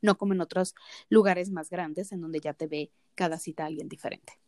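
A woman's voice: on the low side, fairly even intonation, moderate pace, mellow, dry recording, clean studio sound. A woman in her thirties co-hosting a podcast, telling her story in casual chat and acting out the quoted dialogue with animation. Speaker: podcast co-host.

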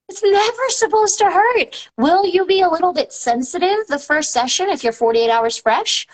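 Emphatic woman massage therapist, casual talk. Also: poor audio. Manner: emphatic, animated, rising in pitch when indignant. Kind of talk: casual live-stream talk to followers.

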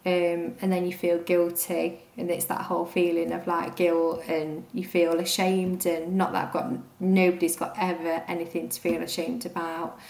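A woman's voice: lowish voice, monotone, normal speed, creaky, hardly any pauses, a little mellow, reverberant. A young woman telling a personal story in a rambling, conversational way, full of fillers. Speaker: guest sharing a personal story.

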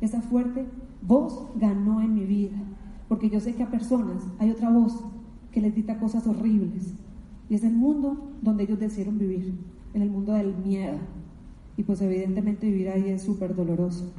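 A woman's voice: medium pitch, steady tone, normal speed, warm tone. A middle-aged woman from Colombia giving an emotional, emphatic motivational talk, telling her story with many repetitions. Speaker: motivational speaker. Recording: echoey hall with long reverb.

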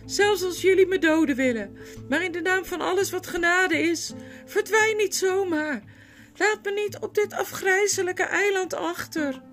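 A woman's voice: very high-pitched, unhurried, a bit bright, soft background music, pitched above the performer's own voice. A woman voicing a terrified, wild-haired castaway man who pleads and panics frantically. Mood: pleading.

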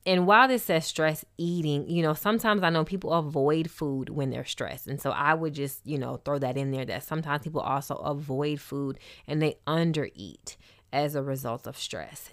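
A woman's voice: low-pitched, dry recording, studio quality. A woman talking candidly and expressively in a casual personal talk, with wry asides, as a host.

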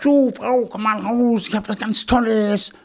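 A man's voice: medium pitch, very animated, a little slow. A man voicing a polite, cunning male hedgehog in a storybook tale, cheerful and scheming. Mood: bustling. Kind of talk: storybook character voice.

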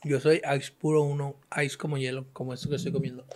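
A man's voice: medium pitch, level tone, fast, noisy background. A Mexican man co-hosting a comedy podcast, chatting casually and cutting in with goofy jokes. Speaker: podcast co-host. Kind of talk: casual chat.

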